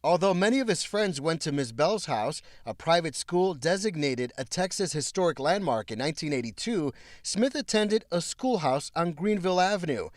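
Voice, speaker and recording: A man's voice: fairly high pitch, animated, normal speed, no echo, studio quality. A man with an American accent reading scripted narration for a local community news feature.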